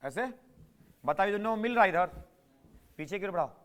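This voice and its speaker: Male physics teacher, high pitch, classroom lecture, keeps pushing students to answer. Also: expressive, moderate pace, fairly bright tone. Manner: prodding students to answer, repeating points.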